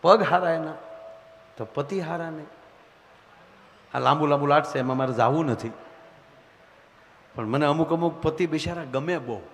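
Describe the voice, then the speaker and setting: A man's voice: on the high side, moderate pace, pauses often. A man, a folk comedian telling rustic comic stories on stage and acting out the voices in them. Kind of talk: live comic storytelling. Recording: reverberant stage hall.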